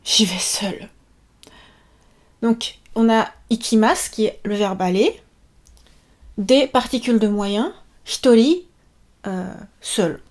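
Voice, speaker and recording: Woman, casual online language teacher, fairly high voice, bouncy and chatty with lots of fillers. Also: slow pace, pauses often. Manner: lively, chatty, many fillers, playful asides. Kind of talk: casual video lesson.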